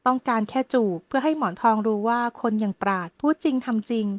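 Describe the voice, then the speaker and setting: A woman narrating a romance novel audiobook in a steady, measured way. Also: on the high side, no echo, dull audio.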